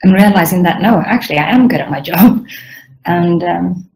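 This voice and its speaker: Woman, young, from Sweden, low gravelly voice, chatty, clears throat, video call. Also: moderate pace, darkish tone, low-quality recording. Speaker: guest UI designer. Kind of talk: casual online Q&A.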